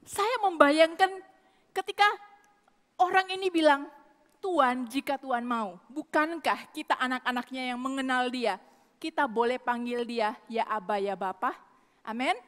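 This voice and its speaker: Lady preaching in a church hall, high pitched, keeps repeating lines for emphasis, big echo. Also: a little slow, a bit bright. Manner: emphatic, repeats phrases, addresses the congregation. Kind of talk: sermon. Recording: long hall reverb.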